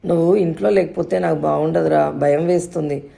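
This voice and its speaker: Woman doing a worried young mother, soft and gravelly, mellow tone, storybook. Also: low voice, steady tone, fairly quick. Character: anxious, protective young mother.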